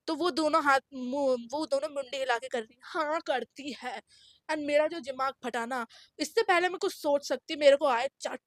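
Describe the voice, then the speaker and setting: A teenage girl with a high voice tells a school story in a lively, casual way and acts out the other people's voices. The sound is dry and close, with no room echo. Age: teens. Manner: animated, acts out quoted voices.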